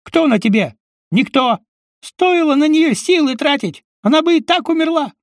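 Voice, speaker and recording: A man voicing a spiteful, contemptuous older male ex-colleague who yells insults in an audiobook. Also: expressive, moderate pace, no room sound, studio quality. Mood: contemptuous yelling. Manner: shrill, yelling insults.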